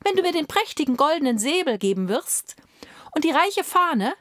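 A woman voicing a small, gentle female nightingale who talks lightly and kindly. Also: high voice, very animated, moderate pace, dry recording, clean studio sound, pitched above the performer's own voice. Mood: bargaining. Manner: light, bargaining softly.

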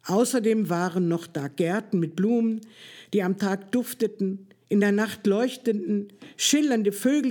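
A narrator reading a fairy tale aloud in a calm, even way. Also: medium pitch. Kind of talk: storybook reading.

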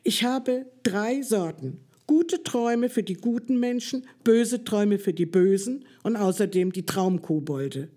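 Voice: medium pitch, lively intonation, unhurried, hardly any pauses, warm tone. A reader voicing a kindly, playful king of dreams in a storybook reading. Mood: amused. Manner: friendly, teasing storyteller.

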